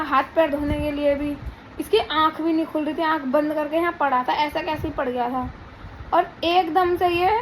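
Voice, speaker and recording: A woman's voice: high-pitched, a little hiss or hum, rough recording. A young pregnant woman, chatting casually in a rambling home vlog. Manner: chatty, rambling, teasing her husband. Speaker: vlogger. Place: home indoors.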